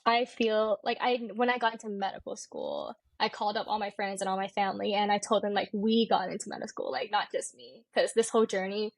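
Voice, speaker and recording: A Californian woman in her twenties, a medical student guesting on a podcast, talks candidly and informally in a casual interview, dropping "like" often. Her American-accented voice is medium-pitched and creaky, with fairly even intonation, a slightly fast pace, few pauses and no echo.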